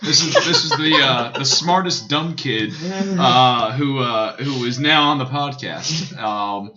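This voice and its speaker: Young male podcast host, bright and jokey, muffled homemade recording. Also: medium pitch, takes it slowly. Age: young adult. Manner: joking, laughing often. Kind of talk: casual chat. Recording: dull lo-fi recording with faint hiss.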